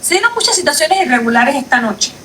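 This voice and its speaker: A woman with a fairly high voice delivers an emphatic, indignant livestream statement, hammering her points again and again. The sound is roomy and set back from the mic, with faint noise behind her. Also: very animated, fast, fairly bright tone. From Panama. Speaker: lawyer. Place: outdoors at night on a street. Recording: echoey, distant from the mic, faint background noise.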